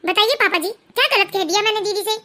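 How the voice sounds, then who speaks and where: A woman voicing a clever young daughter-in-law who explains herself in a calm, polite, pointed way. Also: very high-pitched, fast talker. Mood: explaining.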